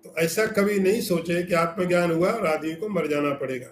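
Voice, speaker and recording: A man's voice: high voice, normal speed, reverberant, slight background noise. A man giving a scriptural lecture as a spiritual teacher, explaining with everyday examples and asking rhetorical questions.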